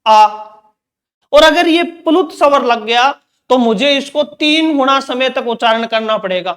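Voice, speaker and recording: A man's voice: very high-pitched, lively intonation, a little slow, fairly bright tone. A man teaching Hindi grammar in an exam-prep lecture, asking questions and answering them himself, repeating key terms.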